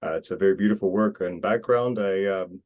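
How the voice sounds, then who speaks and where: This low-pitched, fairly quick American man has a darkish tone and talks earnestly during a casual interview in Costa Rica. As the guest, he rambles and keeps restarting his sentences.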